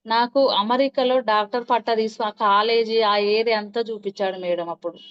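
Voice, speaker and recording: A woman's voice: a little high, fairly even intonation, fairly quick, smooth. A woman recounting her personal spiritual experiences to an interviewer, telling the story with many restarts and acting out the dialogue. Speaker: meditation practitioner interviewed. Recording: dull lo-fi recording.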